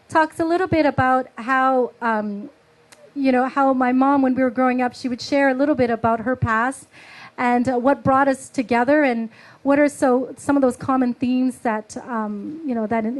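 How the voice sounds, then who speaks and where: A woman author slowly reading her own prose at a book launch, after a halting, filler-filled introduction. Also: high voice, fairly even intonation, rough recording. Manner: halting, filler-heavy speech between readings; slow, measured literary reading.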